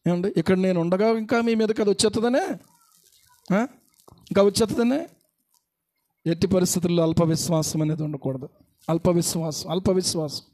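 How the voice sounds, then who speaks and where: A man with a notably high voice preaches to his congregation. He repeats phrases and fires rhetorical questions at his listeners. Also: steady tone, brisk, long pauses, darkish tone. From India. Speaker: pastor. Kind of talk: sermon.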